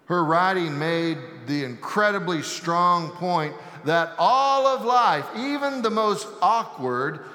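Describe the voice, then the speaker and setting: A man preaching a sermon as pastor, telling a joke story at a slow, deliberate pace. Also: sits high, expressive, bright, forceful tone. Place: church sanctuary. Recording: echoey sanctuary with long reverb.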